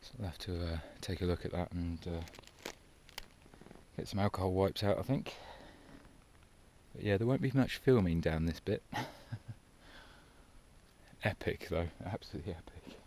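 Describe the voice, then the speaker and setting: Breathless low-voiced man hiking. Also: normal speed, pauses often, warm tone, slight background noise. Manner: chatty, breathless, loose and informal. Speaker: hiking vlogger. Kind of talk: casual hiking vlog commentary. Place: outdoors on a steep mountain descent.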